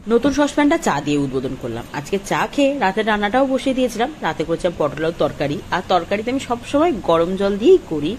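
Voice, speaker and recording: A woman calmly narrating her day in a home vlog voice-over. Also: medium pitch, fast, hardly any pauses, a little hiss or hum.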